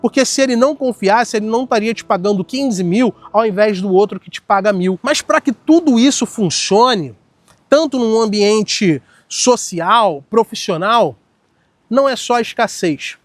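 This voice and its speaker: A man with a Brazilian Portuguese accent giving blunt, firm self-help advice in a direct monologue, telling stories from his own work in an even tone. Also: high voice, moderate pace, dry recording, soft background music. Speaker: self-help video host. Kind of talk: direct motivational monologue with anecdotes.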